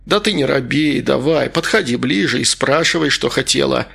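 A man voicing a crude, cynical little man who speaks in a slow, mocking, unhurried way. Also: medium pitch, creaky, fairly bright tone, breathy edge, full character voice. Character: crude, cynical small man with back pain.

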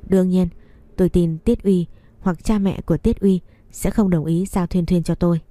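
A woman's voice: lowish voice, fairly even intonation, normal speed, warm tone, dry recording, close to an everyday voice. A woman voicing a cold, curt grown man, a father, in a read-aloud story. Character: cool reserved father, adult man.

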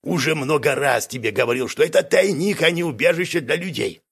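A man voicing a scheming, boastful male crook in an audiobook, with a raspy voice and an unflappable, smug manner. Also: fairly high pitch, a little fast, fairly bright tone, pitched above the performer's own voice, full character voice. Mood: indignant. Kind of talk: audiobook character voice.

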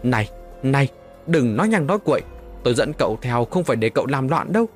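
A man's voice: medium pitch, very animated, quick pace, faint music behind, close to an everyday voice. A man voicing a cautious older male grave digger in an audio storybook, speaking sternly.

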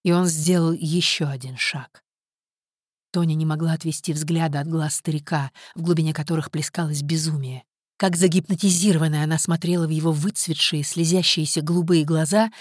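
A woman narrating an audiobook in an even, measured way. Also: deep voice, no echo, studio quality. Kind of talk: scripted narration.

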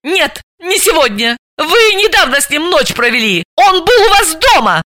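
A woman voicing a jealous, quarrelsome young woman who screeches accusations in a shrill, very high voice. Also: sing-song, normal speed, sharp tone, no room sound, studio quality, full character voice. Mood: shrieking.

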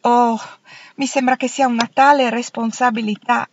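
A woman's voice: fairly high pitch, fairly even intonation, normal speed, a little hiss or hum, voice pushed up, lightly acted. A woman voicing an earnest, idealistic young woman teacher who speaks in an impassioned, pleading way, in a storybook reading. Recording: dull lo-fi, dry.

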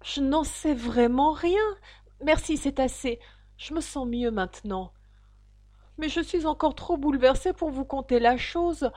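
A woman's voice: high-pitched, animated, measured pace, darkish tone, pitched above the performer's own voice. A woman doing Jacques, a weak fluty little lizard. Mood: shaken.

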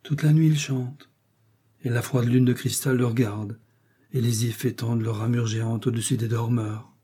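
A man voicing a lonely, centuries-old male ghost who speaks sadly, in a hushed and dreamy way. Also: medium pitch, fairly even intonation, normal speed, slightly rough, close to an everyday voice. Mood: sorrowful, dreamy.

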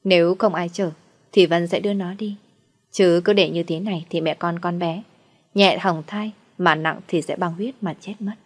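A woman reading a dramatic story in a steady storytelling delivery. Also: on the low side, moderate pace. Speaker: narrator. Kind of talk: scripted story narration.

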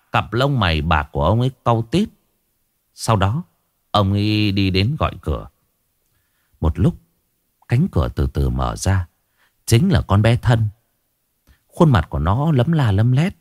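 Expressive low-voiced male storyteller. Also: no echo, studio quality. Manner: expressive, dramatic. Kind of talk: first-person ghost story narration.

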